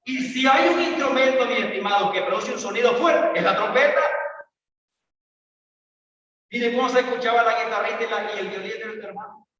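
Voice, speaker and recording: A man's voice: very high voice, brisk, pauses often. Man preaching in an echoey hall. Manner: preaching with shifts between loud calls and quiet asides. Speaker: pastor. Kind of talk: evangelistic sermon. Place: church hall. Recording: echoey church hall, distant mic, dull sound.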